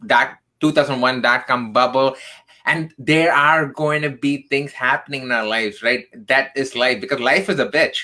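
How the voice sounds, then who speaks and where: An interview guest who works as a tech career coach, this man from southern India tells his story earnestly and with emphasis, frequently checking in with "right?". His voice is bright and forward, at an ordinary middle pitch, with a steady tone and a moderate pace.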